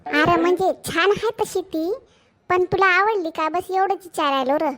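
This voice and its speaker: Woman doing bashful cartoon boy in love, high voice, soft and dreamy. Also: normal speed. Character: lovestruck shy schoolboy. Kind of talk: cartoon voice acting.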